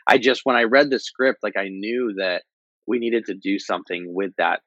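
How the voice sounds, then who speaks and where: A man, a cinematographer guest, chatting casually and excitably, laughing often. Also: on the low side, moderate pace, no room sound. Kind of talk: casual chat. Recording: dull dry sound.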